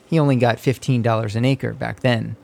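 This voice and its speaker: Gravelly male radio reporter. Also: mid-range voice, fairly even intonation, darkish tone. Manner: measured, descriptive storytelling. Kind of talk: scripted radio feature narration.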